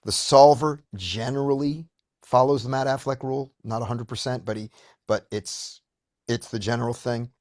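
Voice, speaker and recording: A man's voice: medium pitch, steady tone, moderate pace, darkish tone, no echo. Male study-group coach on a video call, dry sound, explains step by step. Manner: upbeat, explains step by step with frequent restarts. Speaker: poker study group leader. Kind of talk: casual teaching discussion.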